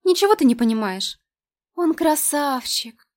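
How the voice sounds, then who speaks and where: A woman reading an audiobook who voices a bubbly, lovestruck young woman, pitched high and gushing. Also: lively intonation, normal speed, a little mellow. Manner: gushing, high and breathy when swooning.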